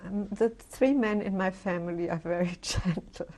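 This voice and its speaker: An older woman from Germany giving a reflective, halting oral history testimony, often restarting her sentences. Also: mid-range voice, a little mellow. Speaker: interviewee. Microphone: interview recording.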